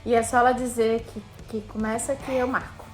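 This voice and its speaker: Woman, mother vlogging, high voice, chatty and playful, soft music behind. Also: level tone, brisk. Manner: chatty, playful, talks straight to the viewers. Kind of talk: casual family vlog.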